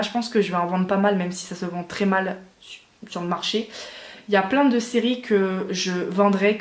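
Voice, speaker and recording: A woman in her twenties answering viewer questions in a casual vlog, chatty and hesitant with many fillers. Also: medium pitch. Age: 20s. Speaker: doll collector vlogger. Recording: echoey room.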